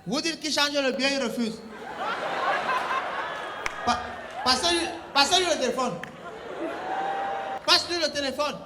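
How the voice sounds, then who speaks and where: A man's voice: extremely high pitch, unhurried, pauses often, a loud crowd, heavy background noise. A young adult man performs a comic one-sided phone-call sketch. He plays a bossy emergency operator who scolds his callers in mock-official phrasing. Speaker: comedian.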